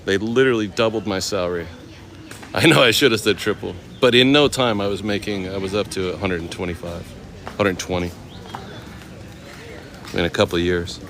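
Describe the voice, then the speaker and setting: An American chef and livestreamer in his forties, from the West Coast, strolls through a temple complex while casually telling stories to live viewers in relaxed, slangy talk. His voice sits low and a bit bright, moving fairly quickly with frequent pauses. Passing vehicles and noisy outdoor ambience fill the recording.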